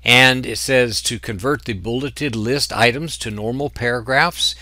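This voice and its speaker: Patient man with a bright voice. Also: medium pitch, unhurried, no room sound, studio quality. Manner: patient, step-by-step explaining. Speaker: software instructor. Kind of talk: screen-recorded tutorial walkthrough.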